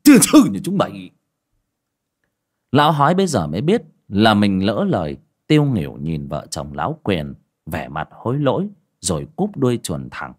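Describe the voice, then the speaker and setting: Man, audio story narrator, expressive, husky, lively pitch. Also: moderate pace. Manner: expressive, does all the voices.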